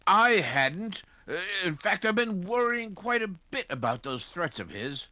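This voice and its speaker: Man playing fretful, high-pitched Doctor Watson, dull audio. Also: very animated, a little slow, no echo, full character voice. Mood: anxious. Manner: stammering, fretful, old-fashioned gentlemanly. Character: anxious, loyal, flustered English gentleman doctor, detective's companion. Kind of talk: 1940s radio drama acting.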